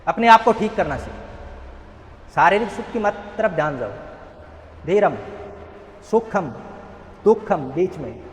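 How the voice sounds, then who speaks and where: A man's voice: high-pitched, expressive, measured pace, pauses often, a little hiss or hum. A man giving an earnest motivational talk at a rehab center, telling a parable and asking rhetorical questions. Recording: echoey hall.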